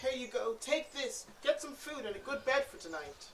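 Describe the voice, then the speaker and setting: A woman's voice: high voice, animated, moderate pace. A woman voicing a young man in a storybook tale, newly rich and eager. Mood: cheerful. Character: young poor man suddenly rich, cheerful. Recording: roomy, distant, noisy.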